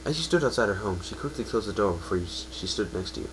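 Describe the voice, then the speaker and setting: The man's fairly low voice is expressive and quick as he dramatically reads a story told in the second person. He stumbles at times and self-corrects, and his home recording carries a faint hum.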